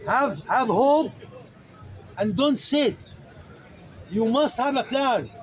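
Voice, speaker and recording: A man preaching fiercely to an open-air crowd in halting non-native English, calling his listeners "brother" and searching aloud for words. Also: very high-pitched, lively intonation, poor audio. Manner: fiery, emphatic, calls listeners "brother". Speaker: street speaker debating a crowd. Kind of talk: open-air soapbox debate. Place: outdoor public speaking area in a city. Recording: outdoor crowd noise. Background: crowd of listeners around him.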